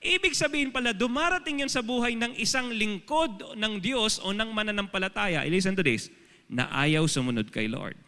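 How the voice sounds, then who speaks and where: A man's voice: high voice, moderate pace, sharp tone, clean tone, long reverb tail. A Filipino man preaching a sermon as pastor to a congregation, firing rhetorical questions at them. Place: church hall.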